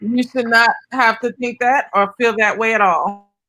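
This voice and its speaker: A woman's voice: on the high side, steady tone, a little slow, bright, forceful tone, slight background noise, rough recording. A woman panelist speaking firmly and earnestly in a casual discussion.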